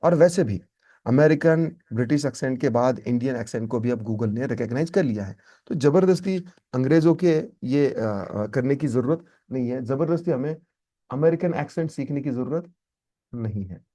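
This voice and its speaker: A man's voice: mid-range voice, animated, normal speed, dark tone. Emphatic man teaching spoken English. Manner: emphatic, repeats key points, asks "right?".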